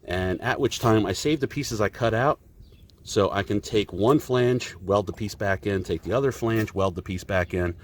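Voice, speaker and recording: A man with a lowish voice hosts a casual DIY car repair vlog, speaking at normal speed. He rambles and pokes fun at himself, and his nose sounds stuffy.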